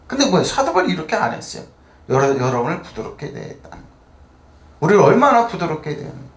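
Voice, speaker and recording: Older male pastor, slightly high-pitched, casual sermon with rhetorical questions, echoey church hall. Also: big pitch swings, fast. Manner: conversational, asks the congregation rhetorical questions.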